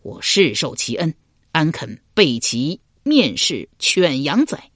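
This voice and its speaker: A man's voice: mid-range voice, very animated, normal speed, fairly bright tone, husky, no room sound, clean studio sound. A man voicing a stubborn, loyal male general who scorns his captors. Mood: scornful.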